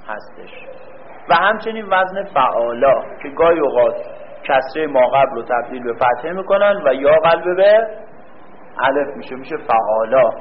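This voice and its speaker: Male teacher, slightly high voice, drawn-out stressed words, faint background hum. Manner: asks rhetorical questions and answers them himself. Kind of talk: grammar lecture. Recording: dull lo-fi recording with faint room hum.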